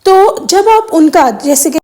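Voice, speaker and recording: Faint music plays behind a woman with an extremely high, warm voice and lively intonation. She is a religious video host with Urdu as her first language, casually and earnestly teaching viewers correct prayer recitation through examples, with some English phrases mixed in.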